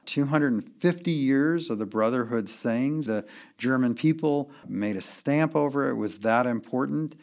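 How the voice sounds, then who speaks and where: A man's voice: mid-range voice, creaky. A man giving an earnest church history lecture, working through his points with emphasis.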